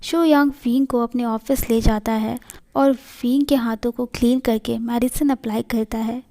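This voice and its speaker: A woman narrating a fan-fiction story in a steady, plain reading voice. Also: fairly high pitch.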